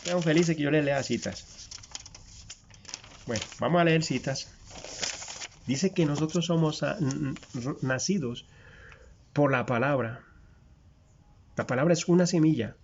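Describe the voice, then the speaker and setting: Gravelly preacher, folksy and direct. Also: male voice, a little high, a little slow, long pauses, a little mellow, a little hiss or hum. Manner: folksy, asks listeners rhetorical questions, builds long repeated lists. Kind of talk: conversational sermon. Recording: dull lo-fi recording.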